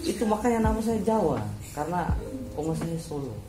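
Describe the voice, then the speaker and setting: Lively man telling stories. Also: high-pitched, brisk. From Maluku, Indonesia. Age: 20s. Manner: lively, laughing, acts out other voices. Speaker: guest writer. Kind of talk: anecdotal storytelling. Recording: roomy hall with music behind.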